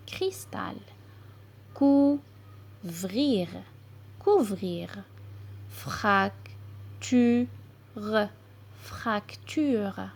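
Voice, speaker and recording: A woman teacher with a Moroccan accent slowly reading and sounding out syllables for young children. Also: on the high side, darkish tone, slightly rough. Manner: pronounces syllables slowly and distinctly, spelling out letters. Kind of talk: slow, deliberate reading lesson for children.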